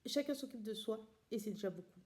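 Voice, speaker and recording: A well-dressed man keeps his voice low and cautious as he speaks, read by a woman in her own mellow voice. His speech is earnest and guarded, with a soft, warm tone. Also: lively intonation, fairly quick, natural voice. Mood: wary. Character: wary, elegant middle-aged man in hiding.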